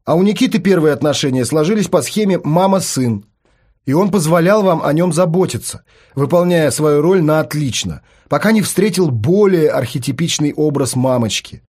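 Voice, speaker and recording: A man reading an audiobook, voicing a bold, provocative male psychologist who speaks low and insistently. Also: animated, normal speed, a little mellow. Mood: explaining.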